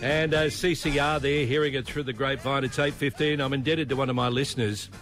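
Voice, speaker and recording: A man's voice: mid-range voice, steady tone, brisk, a bit bright, soft background music. A man with an Australian accent hosting breakfast radio in a matey, jokey, slangy way. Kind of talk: upbeat radio chat and links. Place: radio studio.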